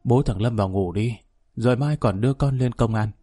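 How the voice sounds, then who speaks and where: A man voicing an anxious middle-aged mother who talks in a hushed, urgent way. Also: medium pitch, brisk, natural voice.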